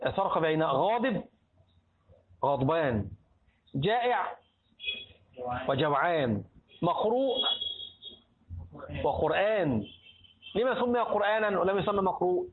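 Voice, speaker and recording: A man's voice: high voice, phone-quality sound. A man with an Egyptian Arabic accent teaching a classroom lesson on creed, often asking his students questions and prompting them to finish his sentences. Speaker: religious teacher.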